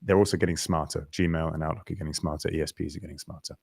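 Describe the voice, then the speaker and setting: Deep-voiced energetic webinar host. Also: male voice, fast, gravelly, breathy edge, no room sound. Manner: energetic, chatty, greets viewers by name. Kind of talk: live webinar presenting. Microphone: video call.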